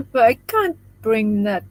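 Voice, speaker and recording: A tired woman recovering from jaw surgery hosts a casual live stream, chatting and reading comments. She speaks slowly and softly, restarting phrases and laughing often, in a high-pitched, husky voice. The recording is low quality but has no echo.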